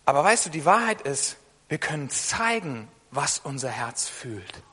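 A man preaching a sermon in a chatty way, often turning to listeners with quick questions and moving between soft asides and loud, emphatic bursts. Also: sits high. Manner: conversational, often asks listeners "weißt du?" and "ne?". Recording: long hall reverb.

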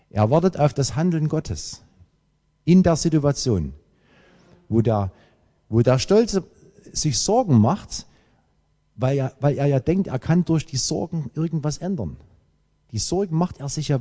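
A man preaching a sermon, emphatic and lively, with dramatic pauses. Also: medium pitch. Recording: long hall reverb.

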